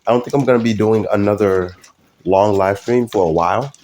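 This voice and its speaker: A man's voice: fairly low pitch, a little fast, a little mellow. A young man live streaming, talking casually to his viewers in a rambling, hesitant way with many fillers and restarts.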